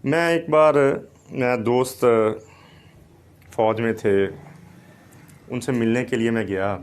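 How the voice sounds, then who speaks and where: A man lectures in an unhurried, measured way. His pitch sits in an ordinary middle range for a man. He lays out each point with care, like a teacher at a board. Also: lively intonation, clean tone. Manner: slow, deliberate explaining with anecdotes. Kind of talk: recorded lecture.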